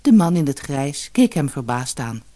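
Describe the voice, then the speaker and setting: A woman's voice: extremely low pitch, normal speed. Woman reading a fairy tale aloud. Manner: expressive, gently varied reading. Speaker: storyteller. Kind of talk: storybook narration for children. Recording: audiobook with soft music behind. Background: faint music.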